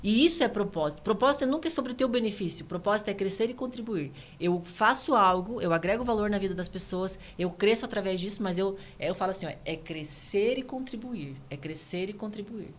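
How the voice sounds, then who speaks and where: A woman in her thirties from Brazil, a guest giving an emotional personal testimony, animated and earnest. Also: mid-range voice. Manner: fast, earnest, animated storytelling.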